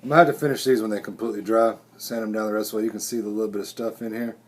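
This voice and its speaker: A man's voice: fairly low pitch, steady tone, very fast. A man rambling folksily through a casual bushcraft workshop vlog. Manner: rambling, folksy, self-correcting. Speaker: bushcraft vlogger.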